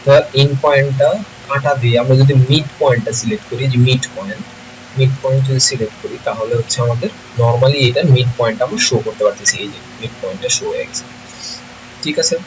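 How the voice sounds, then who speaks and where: Man explaining software, noisy recording. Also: mid-range voice, fast talker, highs cut off. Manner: thinks aloud, checks with listeners often. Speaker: software tutor. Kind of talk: screen-recorded tutorial.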